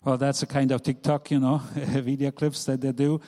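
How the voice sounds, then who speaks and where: A man's voice: mid-range voice, flat delivery, moderate pace, mellow. Middle-aged man presenting in a reverberant hall. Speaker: radio ministry presenter. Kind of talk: informal talk with slides.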